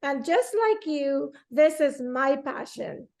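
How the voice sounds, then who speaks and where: A woman's voice: sits high, takes it slowly, gravelly, darkish tone. A woman hosting an interview, speaking earnestly in long flowing runs. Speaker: podcast host.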